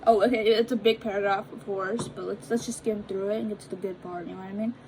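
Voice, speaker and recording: A woman's voice: mid-range voice, fairly even intonation, quick pace, a little mellow, a little hiss or hum, poor audio. A young woman chatting casually as she reacts to confessions, full of fillers and restarts. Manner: chatty, filler-heavy, stumbles over reading. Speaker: vlogger reading confessions. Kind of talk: casual chat reacting to read-out posts.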